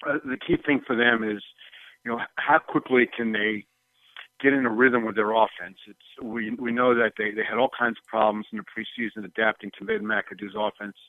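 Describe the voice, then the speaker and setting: A man speaks over a thin, tinny phone line as a sportswriter guest on a call-in show. His voice sits at an ordinary middle pitch and sounds dry and close. He talks in a loose, hedging way, full of "you know" and "um". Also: lively intonation, moderate pace, no room sound. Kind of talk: casual call-in chat.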